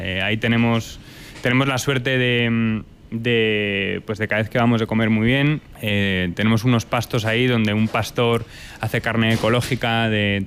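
Spanish chef talking in an interview. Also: male voice, on the low side, a bit bright, a little hiss or hum. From Spain. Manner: thoughtful, many fillers and restarts. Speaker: chef and restaurant owner. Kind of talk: relaxed interview answers.

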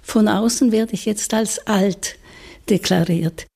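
A woman's voice: mid-range voice, steady tone, slow, vocal fry, dark tone, husky, soft background music. A woman in her eighties with a Swiss accent, a psychologist speaking frankly in a recorded interview. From Switzerland. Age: 80s.

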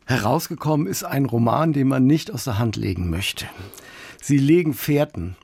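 Husky, gravelly male radio host. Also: medium pitch, lively intonation, moderate pace, darkish tone, no echo. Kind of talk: radio interview. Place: radio studio. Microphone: studio microphone.

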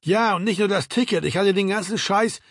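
A man reading a novel excerpt as an audiobook, lively and voicing the dialogue. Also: sits high, a little fast, no room sound, clean studio sound. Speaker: audiobook reader.

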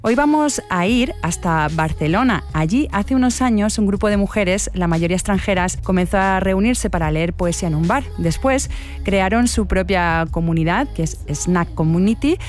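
A woman's voice: medium pitch, animated, moderate pace, faint music behind. A woman hosting a radio interview from a studio, introducing guests and asking questions in an easy conversational way. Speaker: radio host.

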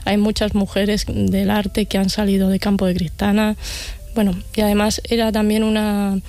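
A woman explaining her festival in a radio interview, measured and explanatory, often pausing with fillers and tag questions. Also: mid-range voice, flat delivery, mellow. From Castilla-La Mancha, Spain. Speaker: festival organizer guest.

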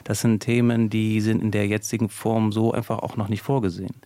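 A man's voice: on the low side, level tone, a little fast, dark tone, no echo. A male sociologist explaining in a radio interview, thinking aloud with fillers as he goes. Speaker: sociologist guest.

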